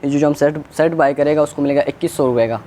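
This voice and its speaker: A man's voice: fairly high pitch, fairly even intonation, fast talker, dark tone. A man with a Pakistani accent working as a shop seller, listing stock and prices in a repetitive, unscripted sales presentation. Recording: clear background noise.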